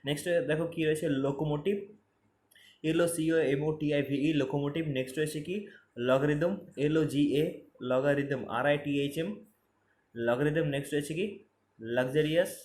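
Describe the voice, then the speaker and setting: A man's voice: fairly high pitch, steady tone, brisk, a little mellow. A man teaching spelling for exams, spelling words letter by letter and repeating them for emphasis. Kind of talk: exam-prep spelling lesson. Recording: roomy echo, faint ambience.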